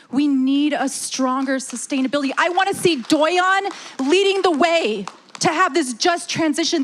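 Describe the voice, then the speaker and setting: A woman's voice: sits high, a bit bright. A woman speaking from the heart at a shareholder meeting, emotional and near tears, pleading with her listeners. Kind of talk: emotional public comment speech. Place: hotel meeting hall.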